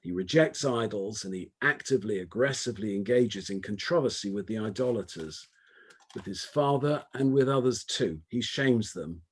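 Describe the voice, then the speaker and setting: Husky-voiced man giving an academic lecture. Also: lowish voice. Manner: measured, emphatic delivery with rhetorical lists.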